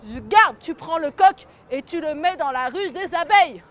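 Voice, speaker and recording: An irritable king grumbles and snaps orders at his guard, as a woman storyteller acts him out. The voice stays high and pushy. A light outdoor crowd is heard behind. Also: lively intonation, normal speed, a bit bright. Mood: irritated. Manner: complaining, bossy. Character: grumpy fed-up king.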